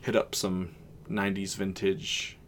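A deep-voiced man hosts a relaxed-format podcast discussion in casual, conversational speech. A faint noise sits in the background. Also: unhurried. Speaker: podcast host.

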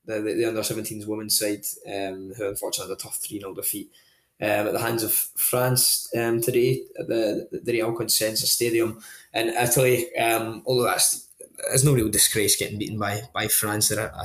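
A man's voice: fairly low pitch, flat delivery, normal speed, a bit bright. Echoey young Scottish man hosting a podcast. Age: young adult. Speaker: podcast host. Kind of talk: casual sports chat and match reporting. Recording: echoey, roomy sound.

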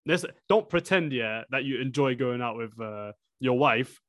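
A man's voice: medium pitch, lively intonation, normal speed, a bit bright, dry recording. Young guy w roadman n slang, chatting on a podcast, dry sound. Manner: roadman-style London slang. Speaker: podcast co-host. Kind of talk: casual chat.

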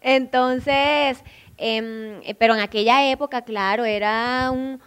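A young woman from Córdoba, Colombia, a singer appearing as a guest, speaks with a Colombian Caribbean coast accent in a voice on the high side, fairly bright and clean, with a steady tone and slow pace. She tells stories in lively conversation, laughing often and acting out voices.

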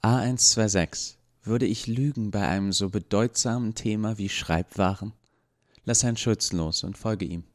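A man's voice: on the low side, animated, a little slow, darkish tone, pitched above the performer's own voice. A man voicing a brusque, sarcastic woman professor who speaks in a clipped, commanding way.

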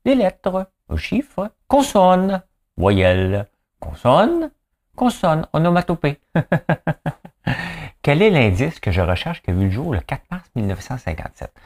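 A man's voice: fairly high pitch, huge pitch swings, slow pace, darkish tone. A man with a Quebec French accent talking to the camera in a rambling, joking, self-mocking way. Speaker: vlogger. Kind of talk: casual solo commentary to camera. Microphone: camera mic.

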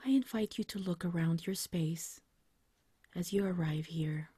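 A woman guiding a meditation like a sleep story narrator, in a soft, whispery, breathy voice with a gentle, soothing, unhurried manner. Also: fairly low pitch, dry recording. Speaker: meditation guide.

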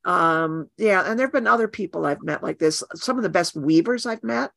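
Brief: woman guest, wry and frank, crisp bright tone, dry room. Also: on the low side, lively intonation, no room sound. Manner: frank, wry, quick to agree. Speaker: guest artist. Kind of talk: casual conversational interview.

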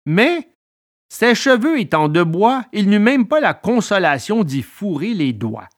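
Expressive woman reading a storybook. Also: medium pitch, a little slow. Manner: expressive, animated narration.

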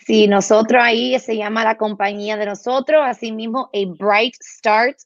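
A woman's voice: on the high side, fairly even intonation, moderate pace, no echo, lo-fi sound. A woman speech therapist explaining simple activities, slipping English words into her Spanish and imitating animal sounds. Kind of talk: explaining to a host.

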